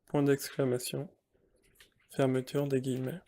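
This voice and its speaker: A man dictating a text as a teacher, in deliberate short repeated phrases with the punctuation spoken aloud. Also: mid-range voice, little pitch movement, warm tone.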